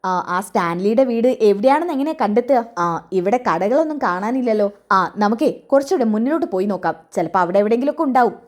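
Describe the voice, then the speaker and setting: A woman's voice: on the high side, lively intonation, fast talker, a little mellow, natural voice. A woman voicing a fussy, complaining male companion who follows his boss around. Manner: whiny, complains.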